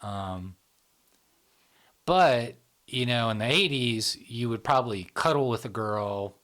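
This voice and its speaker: A man in his fifties hosts a casual psychology podcast chat in a mid-range, animated, slightly bright voice at a slow pace. He explains things in small steps, checking in with listeners by asking "right?".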